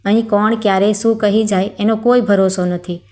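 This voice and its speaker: Woman reading as a gentle older housekeeper. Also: mid-range voice, fairly even intonation, normal speed, close to an everyday voice. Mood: caring.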